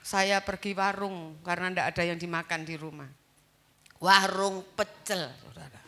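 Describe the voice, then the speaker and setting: A woman's voice: fairly low pitch, steady tone, normal speed, a bit bright. A middle-aged woman pastor preaching a sermon in an East Javanese accent, often calling out to the congregation. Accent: East Javanese Indonesian. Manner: emphatic preaching, calls out "saudara" to the congregation. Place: church.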